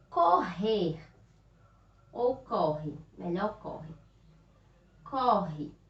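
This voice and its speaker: Slow, patient Brazilian teacher for young children. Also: female voice, mid-range voice. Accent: Northeastern Brazilian Portuguese. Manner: slow, patient, stretches out words and sounds for children. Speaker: primary school teacher. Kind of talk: recorded remote lesson for young children. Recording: roomy, distant, dull lo-fi sound.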